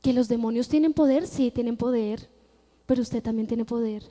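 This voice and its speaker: Colombian woman preacher, high mellow voice, earnest storytelling testimony, long church reverb. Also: moderate pace. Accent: Colombian Spanish. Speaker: church speaker giving testimony. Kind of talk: testimony sermon. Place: church hall.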